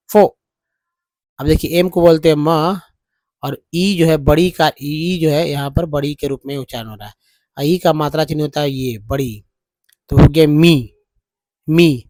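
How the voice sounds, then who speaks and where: A man teaching English pronunciation on a whiteboard, explaining slowly and repeating words for practice. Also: fairly high pitch, a little mellow, dry recording.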